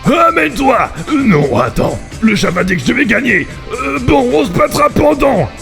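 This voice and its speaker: A man voicing a big, brash, dim-witted albatross henchman in an amateur cartoon fandub, blustering and easily confused, with a gravelly voice. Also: very high voice, sing-song, normal speed, a bit bright, faint music behind, heavily acted. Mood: confused, flustered.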